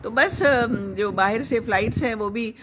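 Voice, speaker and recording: A woman's voice: on the high side, moderate pace, background noise. An older woman from Pakistan, hosting a live stream, chatting in a rambling, conversational way and reading out viewer comments. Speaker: host.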